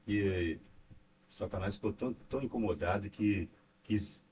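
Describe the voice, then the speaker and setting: A Brazilian man with a lowish voice talks in a devout, meandering way and fills his pauses with tag questions. He sits away from the mic, and faint background noise sits under his voice. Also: darkish tone, far from the mic. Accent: Brazilian Portuguese. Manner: rambling, devout, frequent fillers. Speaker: podcast co-host. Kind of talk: devout casual conversation.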